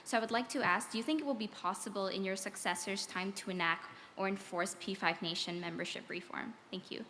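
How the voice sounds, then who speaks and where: A woman's voice: medium pitch, fairly quick, hardly any pauses, a bit bright, slight background noise. Teenage girl reading a formal question. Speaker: student asking a question. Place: large lecture auditorium. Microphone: stand mic.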